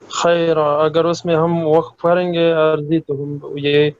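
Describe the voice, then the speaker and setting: Man, student, short hesitant answers, slightly high voice, dry, lo-fi. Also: completely flat delivery, slow pace, a little mellow, clean tone, no echo. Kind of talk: answering in class.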